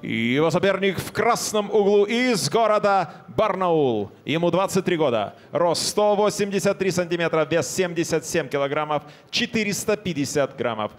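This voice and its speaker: A male ring announcer giving formal fight introductions like a loud showman, stretching out fighters' names. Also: high-pitched, expressive, moderate pace. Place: fight cage in an indoor arena. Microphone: handheld microphone.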